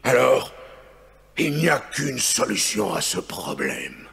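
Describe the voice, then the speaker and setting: A man playing a grave, tender merman king in a children's audio story, measured and musing. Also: medium pitch, sing-song, gravelly, fairly bright tone, slightly rough, exaggerated voice. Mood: resigned.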